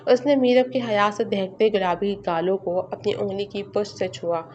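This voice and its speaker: A woman giving a steady, expressive scripted narration of a romance novel, on a slightly muffled recording. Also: medium pitch, slight background noise.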